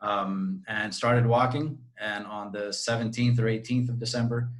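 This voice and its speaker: Unhurried and steady in a lowish voice, a man from Costa Rica who works in real estate answers interview questions by video call. He's warm, talkative, and explains at length.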